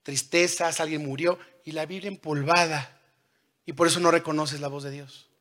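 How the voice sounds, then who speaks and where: A man in his thirties delivers a sermon in a high, bright voice. He jumps from loud, stretched calls to hushed asides and keeps putting questions to his listeners. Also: fairly even intonation, moderate pace. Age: 30s. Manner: dramatic swings between loud calls and hushed lines; asks the congregation questions. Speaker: preacher.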